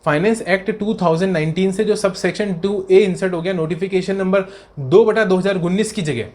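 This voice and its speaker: A man teaching an exam revision lecture, calling students beta and sahab, asking and answering his own questions and reading English question text slowly word by word. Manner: lively teacher voicing imagined student replies in a lower, softer tone.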